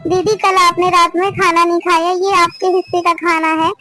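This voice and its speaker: A woman's voice: very high-pitched, level tone, normal speed, sharp tone, soft background music. A woman voicing a meek, weary cartoon daughter-in-law. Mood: plaintive. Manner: pleading, plaintive. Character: overworked young daughter-in-law, meek and complaining. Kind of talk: cartoon family drama voice acting.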